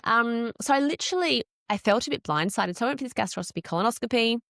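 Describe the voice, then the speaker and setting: A woman in her late thirties telling her personal story as a podcast guest, candid and animated, swearing casually. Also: fairly high pitch, fast talker, vocal fry, dry recording, clean studio sound. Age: 30s.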